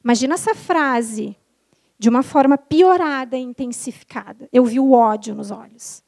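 A young adult woman sharing her personal conversion testimony, animated and emotional, acting out the voices of people in her story. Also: high-pitched, normal speed, gravelly. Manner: animated storytelling, acts out quoted dialogue; emotional, intensifying at the climax.

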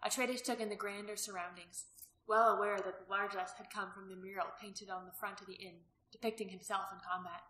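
A woman reading a novel aloud as narrator, steady and even. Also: medium pitch, a little fast. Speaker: audiobook reader. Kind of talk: scripted narration. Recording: roomy echo.

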